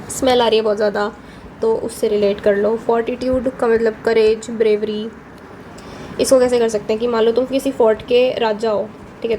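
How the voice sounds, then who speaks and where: Soft-toned woman teaching vocabulary. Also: on the high side, a little hiss or hum, rough recording. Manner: explains patiently, repeats "ठीक है" between points. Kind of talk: exam prep lesson with mnemonic tricks.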